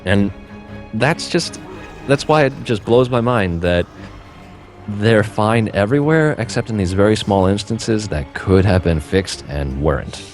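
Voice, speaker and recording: A man's voice: fairly low pitch, animated, unhurried, faint music behind. A man hosting a gaming podcast, talking in a rambling, casual way and swearing freely. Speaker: podcast host.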